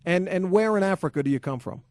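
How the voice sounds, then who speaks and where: A man's voice: high-pitched, lively intonation, fast talker, darkish tone, no room sound, studio quality. A man hosting a sports talk radio show, ranting in a combative, sarcastic, emphatic way and then taking calls. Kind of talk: opinionated talk radio rant. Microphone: studio microphone.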